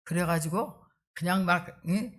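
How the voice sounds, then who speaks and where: A middle-aged woman pastor delivering a sermon with a somewhat low voice. She preaches emphatically and conversationally. She keeps drawing the congregation in with quick rhetorical asides.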